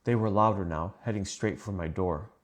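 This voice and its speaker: A man reading scripted first-person horror stories in a calm, measured way. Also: low voice. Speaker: narrator.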